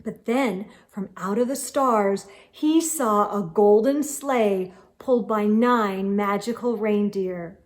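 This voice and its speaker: A woman with a mid-range voice reads a children's book aloud as a storyteller. She gives it expressive, deliberate phrasing and dramatic emphasis.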